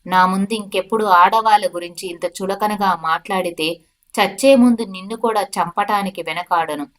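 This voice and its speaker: A woman voicing a hardened male death-row prisoner who speaks in loud, forceful declarations in a storytelling. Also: mid-range voice, normal speed, lightly acted. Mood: defiant.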